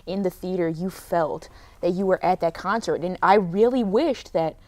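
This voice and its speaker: A woman's voice: fairly low pitch, moderate pace, darkish tone. A young adult woman co-hosting a podcast, chatting casually about a film and filling her talk with "like". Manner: chatty, lots of "like" fillers. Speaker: podcast co-host reviewing a film. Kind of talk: casual chat.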